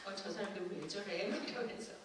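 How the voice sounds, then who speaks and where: A woman pastor preaching a sermon, telling a personal testimony with lively acted-out scenes and frequent laughter. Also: mid-range voice, brisk, background noise. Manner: animated testimony storytelling, acting out scenes, laughing often. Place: church sanctuary. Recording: echoey church from far off.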